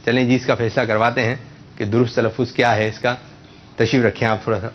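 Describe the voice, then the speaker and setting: A man hosts a children's religious quiz in a TV studio. He speaks patiently and slowly repeats each answer to correct it. The sound is a little dull, with faint noise behind him. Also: medium pitch, level tone. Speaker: quiz show host.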